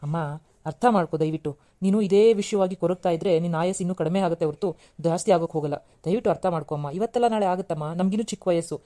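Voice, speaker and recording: A woman voicing a young husband and son in a cartoon serial, gently reasoning and pleading with his mother. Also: lowish voice, fast, lightly acted. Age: young adult. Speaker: cartoon voice actor.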